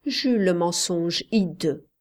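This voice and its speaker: A woman reading a literary novel aloud in a measured, intimate way that sometimes drops to a breathy near-whisper. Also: on the low side, lively intonation, a little mellow. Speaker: audiobook reader. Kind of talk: literary audiobook narration.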